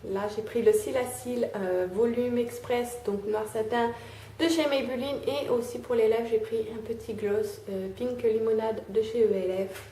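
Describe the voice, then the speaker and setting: Young woman, higher voice, mellow tone, chatty makeup tutorial in an echoey room with faint hiss. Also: fairly even intonation, normal speed. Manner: chatty, fills with "euh" and "hein", talks while applying makeup.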